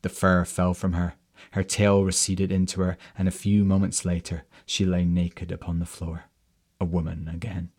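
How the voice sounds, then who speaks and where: Male storyteller, slow and measured narration, deep flat voice.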